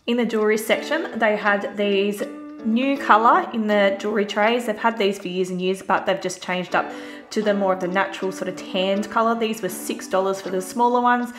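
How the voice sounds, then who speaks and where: A woman's voice: mid-range voice, normal speed. Chatty woman, roomy sound. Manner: chatty, relaxed, filler-heavy. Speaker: vlogger. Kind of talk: casual shop-with-me voice-over. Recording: roomy voice-over with faint music.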